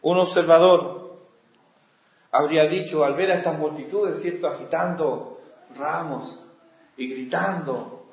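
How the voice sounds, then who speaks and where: A male pastor preaching with passion, swinging from loud exclamations to hushed asides. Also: fairly high pitch, unhurried, vocal fry, pauses often. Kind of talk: sermon. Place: church sanctuary. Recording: echoey, dull lo-fi church recording.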